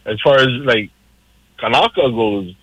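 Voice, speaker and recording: This radio guest, a council hopeful from Hawaii, talks in a casual conversation with earnest, civic-minded persuasion. His medium-pitched voice is a bit bright and measured, and the dry recording has a slightly dull lo-fi quality.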